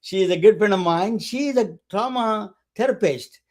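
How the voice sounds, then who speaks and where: A man hosting a webcast, introducing guests in a halting way with many restarts and fillers. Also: high voice, a little mellow. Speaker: webcast host. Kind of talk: casual interview introduction.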